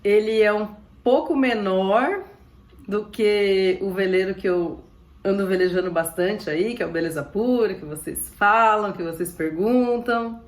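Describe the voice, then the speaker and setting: A sailing vlogger from Ilhabela, Brazil, chats casually to camera about sailing while losing her voice and coughing. She speaks unhurriedly in a medium-pitched voice, staying chatty and upbeat with frequent laughs and asides.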